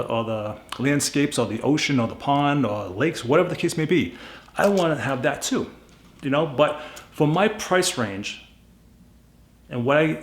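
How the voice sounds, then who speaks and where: A man with a Boston accent talks through a casual, unscripted review in a medium-pitched voice. He is plainspoken and emphatic, often repeating a phrase to drive it home. The sound is noticeably roomy and echoey. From New England, USA. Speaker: YouTube gadget reviewer.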